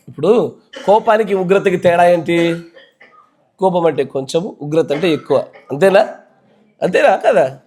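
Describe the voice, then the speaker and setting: A man with a Telangana Telugu accent preaches from the pulpit, his voice sitting notably high for a man. He keeps quizzing the congregation, breaking up the sermon with questions and demands for a yes or a no. The talk is delivered in a church. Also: darkish tone, husky. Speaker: pastor.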